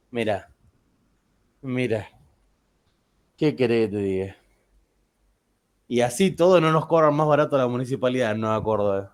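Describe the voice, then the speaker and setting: A man with an Argentine Spanish accent, telling joking anecdotes to a class. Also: medium pitch. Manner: chatty, joking, with frequent restarts. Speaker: teacher.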